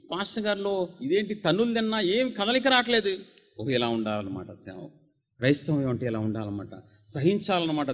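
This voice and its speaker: Impassioned high-voiced male pastor. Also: in a large hall. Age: 40s. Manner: impassioned, repetitive lists. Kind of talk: sermon.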